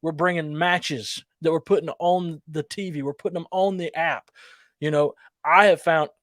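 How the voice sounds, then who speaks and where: Male producer, slightly high register, very dry sound, casual promo chat, enthusiastic and emphatic. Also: fairly even intonation, moderate pace, a bit bright, no room sound. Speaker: wrestling show producer.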